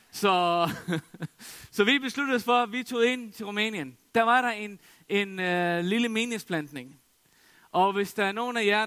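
High-voiced Danish-speaking man preaching. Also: pushed and bright, no echo. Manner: storytelling with many fillers and restarts. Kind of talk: sermon testimony.

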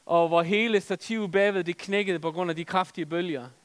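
Middle-aged preacher, resonant voice, animated sermon delivery in a church hall. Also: male voice, high-pitched, smooth. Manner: animated storytelling with humor, fillers and emphatic scripture reading.

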